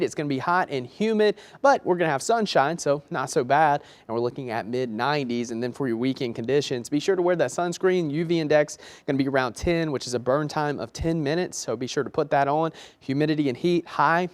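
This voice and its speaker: A man delivering a TV weather report as a forecaster, in a chatty, conversational on-air manner. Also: mid-range voice.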